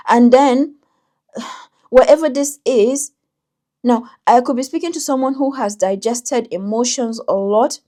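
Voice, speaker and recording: Woman giving a mellow tarot reading. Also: fairly high pitch. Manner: thoughtful, intuitive, with frequent restarts and pauses. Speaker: tarot reader.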